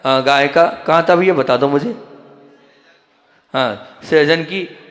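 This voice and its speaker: Slow and on the high side, with a fairly bright quality, the voice belongs to a central Indian man. As a Jain monk giving a discourse in an echoey hall, he asks the crowd questions and supplies the answers in a conversational sermon.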